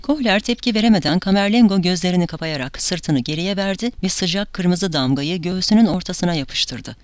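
A woman narrating an audiobook with a dramatic, measured delivery. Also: on the low side, animated, no echo.

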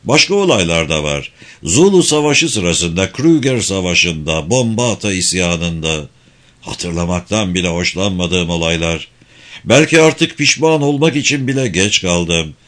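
A man voicing an aging, regretful general who speaks in a reflective, measured way. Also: sits low, expressive, a bit bright.

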